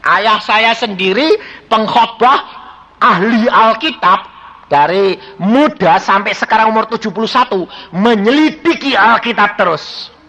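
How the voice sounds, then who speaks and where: A man preaching a sermon as an evangelist, with a Javanese-tinged Indonesian accent, telling stories animatedly and swinging from loud exclamations to hushed lines. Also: high-pitched, lively intonation, measured pace. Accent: Javanese-influenced Indonesian.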